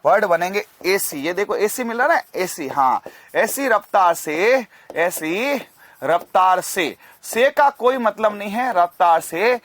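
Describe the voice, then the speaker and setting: A man teaching chemistry in an energetic, motivational way, often repeating phrases and slowing down to drill memory tricks. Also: high voice, no room sound. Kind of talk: energetic classroom lesson with mnemonic story.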